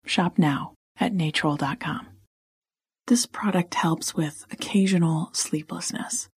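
A woman's voice: lowish voice, takes it slowly, husky, no echo, whispered. A woman announcer reading a scripted advertisement. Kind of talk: scripted ad read.

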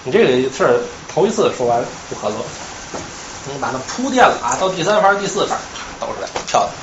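A man lecturer giving a quick, enthusiastic explanatory talk at a salon. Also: on the high side, big pitch swings. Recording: dull, noisy, roomy recording.

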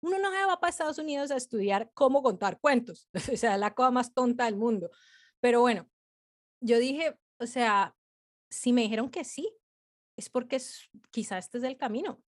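Brief: woman in her thirties, interview guest, somewhat high voice, animated and chatty storyteller. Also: normal speed. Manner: animated, chatty, frequent filler words.

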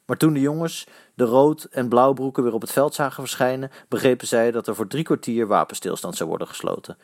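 A man reading a children's story aloud in a lively, expressive way. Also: medium pitch, brisk, no echo, clean studio sound. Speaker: narrator.

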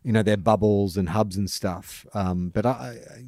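A man co-hosting a comedy sports podcast, reading listener questions with wry, deadpan asides. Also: fairly low pitch, normal speed, no room sound, studio quality. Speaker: podcast co-host. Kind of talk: casual comedy chat.

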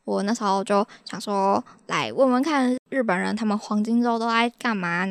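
A woman's voice: mid-range voice, normal speed, creaky, clean tone, dry recording, studio quality. A young woman from Taiwan with a Taiwanese Mandarin accent, hosting a podcast in a chatty, exasperated storytelling way. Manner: chatty, exasperated, laughs at her own stories. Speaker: podcast host.

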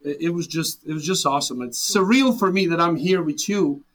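Here a Serbian-accented guest in his forties talks in an interview, his English earnest and peppered with fillers and false starts. His pitch is fairly high and his pace a little quick.

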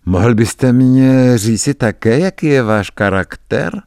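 A man's voice: mid-range voice, animated, a little mellow, dry recording, clean studio sound, voice pushed up, close to an everyday voice. A man voicing a fawning, overly polite old male traveling wine salesman in a dramatic radio story reading.

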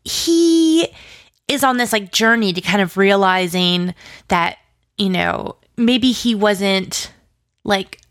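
Taking it slowly, a woman with a medium-pitched, fairly bright voice answers interview questions about creative work. An audio drama writer and producer, she is informal and effusive, given to tumbling asides in this casual chat.

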